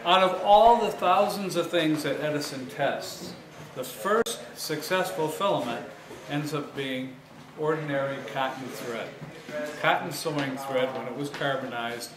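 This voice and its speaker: A man leads a tour through a historic laboratory, talking loosely with fillers and pauses. His voice sits a little high and rings in an echoey room, with a crowd of visitors close by. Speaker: museum tour guide. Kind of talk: guided tour talk. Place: historic laboratory building, indoors.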